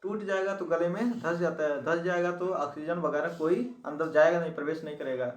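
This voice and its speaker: A man's voice: fairly high pitch, steady tone, brisk, far from the mic. A man teaching an exam-prep biology lesson, repeating key terms and asking the listener questions. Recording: echoey room, voice from off-mic.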